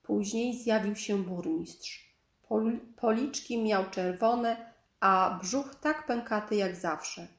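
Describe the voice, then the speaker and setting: A woman reading a children's story aloud in a calm, measured storytelling manner. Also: mid-range voice. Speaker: storybook narrator. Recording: echoey room.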